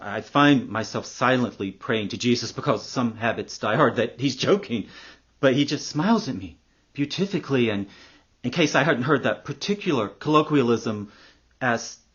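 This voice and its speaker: A man's voice: mid-range voice, expressive, moderate pace, slightly rough, dull audio. An actor playing an embittered, vindictive middle-aged man in a sardonic, profane monologue. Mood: hushed, wry. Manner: sardonic and profane, hushed storytelling turning to loud ranting. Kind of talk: acted dramatic monologue.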